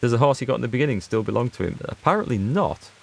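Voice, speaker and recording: A gaming streamer offers casual let's-play commentary, chatting with viewers and reading out and replying to their messages as he plays. His medium-pitched voice is expressive, rapid-fire, and creaky, with slight background noise.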